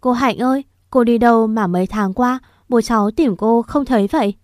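A woman's voice: a little high, normal speed, darkish tone, dry recording, studio quality, natural voice. A woman voicing a sulky, quarrelsome teenage village boy. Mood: subdued. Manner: quarrelsome, then tearful.

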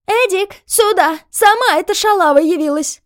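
A woman's voice: extremely high pitch, steady tone, a little fast, voice pushed up. A woman voicing a scheming, two-faced middle-aged landlady who shrieks and then turns sugary. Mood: shrieking.

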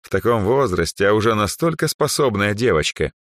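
A man's voice: lowish voice, animated, fairly quick, a bit bright, no echo, clean studio sound, voice pushed up. A man voicing an aging male archmage who sighs, lectures and sometimes snaps in anger. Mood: wry. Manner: sighing, lecturing, flares into anger. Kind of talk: audiobook character voice.

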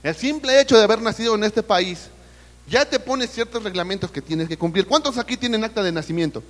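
A man's voice: high voice, fairly quick, a bit bright, big-room sound. A Mexican man preaching a sermon with a Mexican Spanish accent, calling his listeners brother and putting questions to the congregation. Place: church service.

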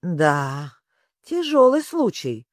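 Storybook griffin, male, fussy and grumbling, swooping pitch, slow, dry sound, as the reader puts him on. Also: dry recording. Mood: excitable. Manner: grumbling, excitable.

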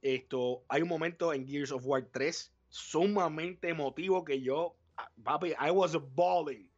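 A man co-hosting a live podcast, animated and profane, acting out his reactions. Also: fairly high pitch, a little slow, lo-fi sound. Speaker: podcast co-host. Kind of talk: casual live podcast chat.

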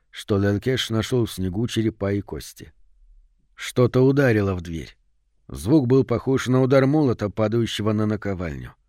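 A man narrating an audiobook in a measured, suspenseful way. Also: lowish voice, dark tone, dry recording, clean studio sound.

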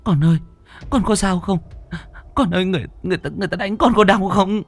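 Man voicing a crying mother, high strained voice, pleading, tearful. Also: quick pace. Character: anguished middle-aged mother, sobbing.

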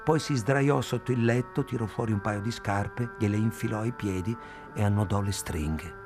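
A man reading a novel aloud in a measured, even narration. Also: fairly low pitch, music in the background. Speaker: reader. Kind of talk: scripted audiobook narration.

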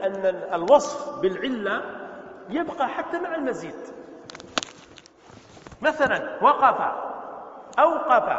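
High-voiced man teaching in an echoey hall. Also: fairly bright tone, a little hiss or hum. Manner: quizzes students with quick questions. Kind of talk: Arabic grammar lesson. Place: mosque hall. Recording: echoey muffled hall recording.

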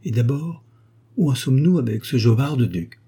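A cynical male journalist, read by a man in an audiobook, jovial on the surface and scheming beneath. He talks in a brisk, mocking, commanding way, with a dark, slightly husky tone that sits a little higher than plain narration. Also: lively intonation. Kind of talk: audiobook character voice.

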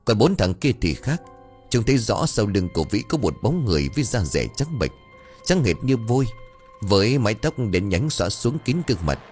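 A man narrating a ghost story with dramatic, expressive storytelling. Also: on the low side, a little fast. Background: faint music.

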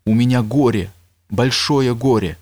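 A man's voice: medium pitch, measured pace, a little mellow, dry recording, close to an everyday voice. A man reading an audiobook, voicing a frail, flustered male nobleman who moans and whispers in agitation. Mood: agitated. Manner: agitated, moaning, breathless whispers.

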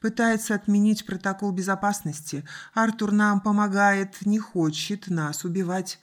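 A woman's voice: mid-range voice, fairly even intonation, moderate pace, voice pushed up, natural voice. A woman voicing a grim, clever young female hacker who speaks tersely and with focus.

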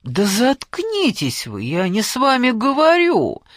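A man's voice: lively intonation, measured pace, dry recording, studio quality. A man voicing a shrieking, furious older aunt. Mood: furious screaming. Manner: screaming, abusive, shrill outbursts.

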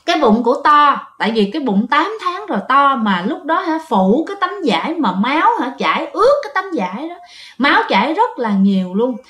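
Storyteller: woman, Southern Vietnamese accent, chatty ghost-story narration, bright high voice, roomy echo. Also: big pitch swings, fairly quick. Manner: chatty, addresses listeners directly.

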